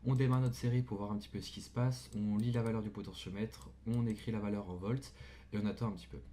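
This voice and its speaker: A man's voice: lowish voice, steady tone, fast talker, warm tone, a little hiss or hum. A man giving a casual electronics tutorial, talking in a slangy, informal way with jokey asides while he handles his gear. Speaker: tutorial presenter.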